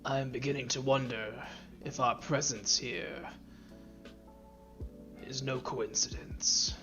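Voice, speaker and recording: A man's voice: medium pitch, steady tone, gravelly, over music. A man playing a grave, wary orc warrior. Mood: solemn. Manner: slow, solemn, sometimes hushed speech.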